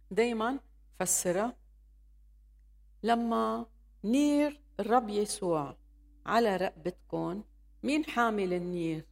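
A woman's voice: a little high, gravelly. A woman preaching a sermon, reading scripture and exhorting her listeners with calls of hallelujah. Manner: reads scripture aloud and exhorts, calling hallelujah.

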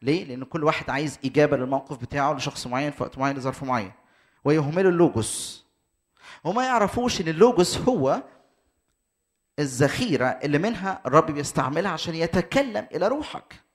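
A man's voice: on the high side, animated, fast talker. A man with an Egyptian Arabic accent preaching a teaching sermon, explaining step by step and restating his points to be precise.

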